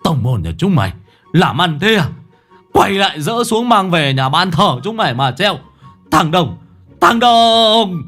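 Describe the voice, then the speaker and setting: A man's voice: sits high, sing-song, a little slow, faint music behind, pitched above the performer's own voice, full character voice. A man doing a furious trembling old grandpa. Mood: yelling. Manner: trembling stammer, yelling curses.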